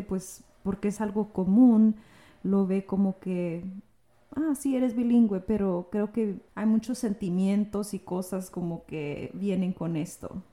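Woman co-host, very warm dark tone, earnest and thoughtful in relaxed conversation. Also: medium pitch. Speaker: podcast co-host. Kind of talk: casual conversation.

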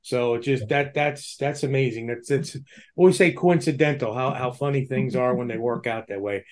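A man's voice: medium pitch, moderate pace. A man hosting a casual interview, wordy and repeating phrases for emphasis. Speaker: podcast host, interviewer.

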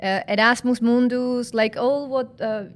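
Woman guest, fairly high voice, chatty, hesitant phrasing. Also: fairly even intonation, measured pace. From Chile. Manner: chatty, searching for words, laughs often. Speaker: guest, former physician and master's student. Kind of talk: podcast interview.

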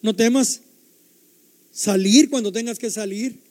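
An older male preacher with a very high yet mellow voice delivers an emphatic sermon, repeating key phrases and putting questions to his congregation. His words ring out with a long reverb, as if in a large church hall. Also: a little slow. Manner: emphatic, repetitive, asks the congregation rhetorical questions.

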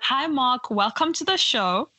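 A woman's voice: sits high, animated, measured pace, sharp tone, no echo, faint music behind, rough recording. A woman hosting a podcast interview, upbeat and encouraging with her guest. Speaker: podcast host.

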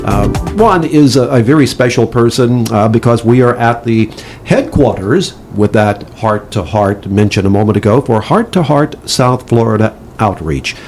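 A man's voice: mid-range voice, normal speed, a little mellow. Man, podcast host, emphatic and upbeat, announcer-style delivery, faint music behind.

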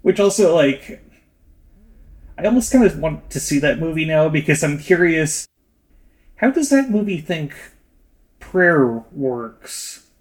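A man's voice: fairly high pitch, very animated, slow, long pauses. A man co-hosting a podcast in casual chat, with a loose, wry and hedging way of talking. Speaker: podcast co-host.

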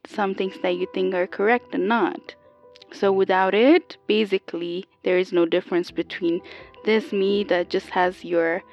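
A woman playing a calm AI copy of an older woman, heard over an old telephone line, explaining patiently and a little haltingly. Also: medium pitch, vocal fry. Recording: dull lo-fi phone sound, dry.

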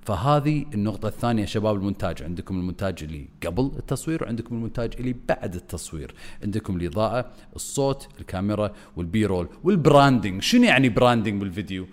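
A man giving an energetic video lesson as a content coach, swinging his voice up and down on purpose. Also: on the low side, rapid-fire.

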